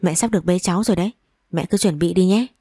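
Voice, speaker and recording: A playful young boyfriend from a spoken audio story, teasing and coaxing in a low, mellow voice, as a woman narrator reads his lines. He sounds dry and close, with little room sound. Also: fast talker, breathy edge, dry recording.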